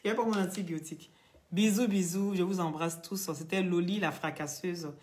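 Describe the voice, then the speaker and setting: A hoarse woman hosts a live stream. She rants loudly and mockingly, laughing often, and her voice is worn from talking. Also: fairly low pitch, steady tone, normal speed, noisy background. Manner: loud, taunting, laughing often. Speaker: social media live streamer.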